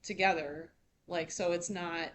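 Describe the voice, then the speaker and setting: A woman's voice: on the low side, steady tone, a little fast, fairly bright tone, slight background noise. Casual woman panelist, lots of fillers. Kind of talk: conference panel talk.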